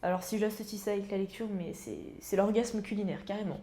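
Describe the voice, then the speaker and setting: A woman's voice: medium pitch, fast talker, mellow. A young woman talking casually and enthusiastically to viewers as a book and food vlogger, in an informal, slangy way. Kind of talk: casual chatty vlog to viewers.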